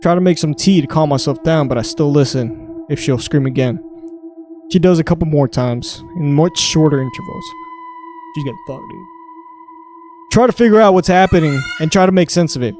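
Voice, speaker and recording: A man's voice: a little high, huge pitch swings, normal speed, a little mellow, faint music behind. A young adult man hosting a podcast, casually reading online stories aloud in a crude, joking way. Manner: crude, joking, reads in clipped green-text style. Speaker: podcast host.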